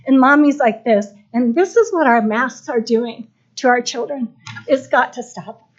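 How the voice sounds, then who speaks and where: A woman's voice: on the high side, unhurried. An older woman giving an impassioned, pleading public comment at a school board meeting. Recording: dull lo-fi livestream audio.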